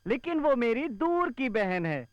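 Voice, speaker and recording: A man's voice: very high-pitched, big pitch swings, a little slow, dull audio, a little hiss or hum, full character voice. An actor playing a flustered, philandering man who is caught out in a comic film scene. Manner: flustered, panicky comic patter. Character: panicky cheating man caught out. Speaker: philandering husband in a film comedy.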